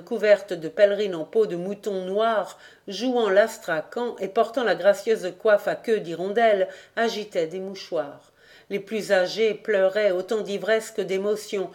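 A woman narrating an audiobook in a measured, descriptive reading. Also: medium pitch, darkish tone. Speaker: audiobook reader.

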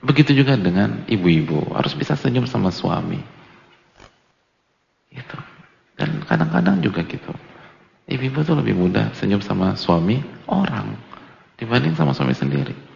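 A man gives a religious study lecture to a gathered congregation, joking and slipping into little acted-out exchanges. His low, gravelly voice swings widely in pitch. The audio is dull and lo-fi, with the long echo of a big hall. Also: big pitch swings, moderate pace, long pauses, darkish tone. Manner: humorous, colloquial, acts out little dialogues. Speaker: Islamic preacher.

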